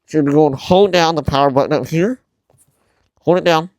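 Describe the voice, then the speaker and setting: Young-sounding man muffled behind a mask, higher-pitched. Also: brisk, darkish tone, no echo. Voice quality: muffled by a mask over the mouth. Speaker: video host. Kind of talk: casual unboxing tutorial vlog.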